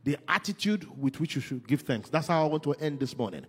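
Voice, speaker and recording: A man preaching a sermon, moving from quiet talk to shouted, sing-song emphasis. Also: on the high side, animated, fairly quick. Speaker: pastor.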